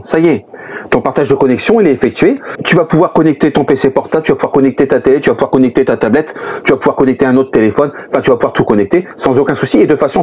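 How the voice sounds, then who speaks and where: With a slightly high, darkish, husky voice, this French dad vlogs about his motorhome-travelling family. The middle-aged man walks through things step by step, chatting casually and filling his speech with "hein" and "euh."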